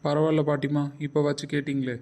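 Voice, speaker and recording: A man's voice: a little high, monotone, fast talker, darkish tone, lightly acted. Man playing a wry, teasing husband. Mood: grateful. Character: teasing middle-aged husband, recovering from illness.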